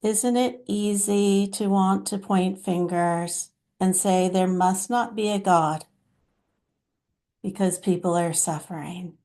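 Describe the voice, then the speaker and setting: A woman channeling a slow, gentle divine mother spirit. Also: mid-range voice, natural voice. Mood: compassionate. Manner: slow, soothing, motherly address to listeners as children. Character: compassionate motherly female divine spirit, patient and loving.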